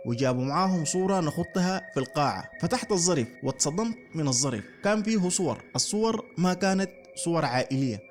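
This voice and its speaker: Fast-talking man telling horror. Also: on the high side. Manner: dramatic first-person storytelling. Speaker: narrator. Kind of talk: scripted horror story narration.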